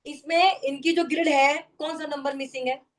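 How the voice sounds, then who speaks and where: Over a video call, a woman lectures a numerology class in an online session, explaining at length and repeatedly asking questions to check that students follow. Her voice sits high, with fairly even intonation and a moderate pace.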